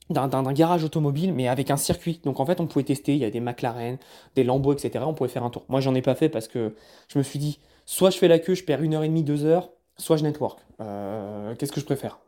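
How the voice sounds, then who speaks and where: A man's voice: mid-range voice, warm tone. A man from France recapping events in a casual vlog, chatty, often stumbling and repeating words. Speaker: vlogger.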